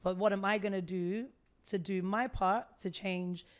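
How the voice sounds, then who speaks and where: Unhurried and mid-range, this British woman's voice belongs to a skincare entrepreneur chatting as an interview guest. She's lively and talkative, spinning stories in a relaxed conversation.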